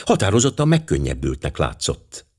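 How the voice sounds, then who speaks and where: A man reading an audiobook as the narrator, in an expressive storytelling style. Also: rumbling low, breathy edge. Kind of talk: scripted narration.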